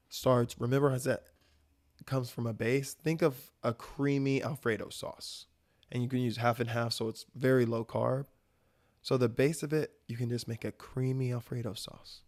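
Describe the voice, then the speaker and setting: A man's voice: medium pitch, steady tone, a little slow, a little mellow. A young man from the American South hosting a casual solo podcast, talking about food with enthusiastic, rambling energy and casual swearing. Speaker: podcast host.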